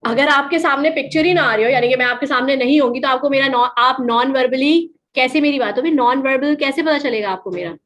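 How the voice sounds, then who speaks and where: A woman's voice: high-pitched, fairly quick, few pauses, a bit bright, poor audio. A woman giving a classroom lecture in Hindi mixed with English, asking her students questions and answering them.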